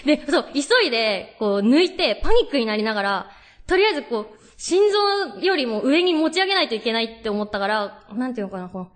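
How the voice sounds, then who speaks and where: A woman's voice: fairly high pitch, very animated, fast. A young woman hosting a radio talk show, chatting through stories and reading out listener mail.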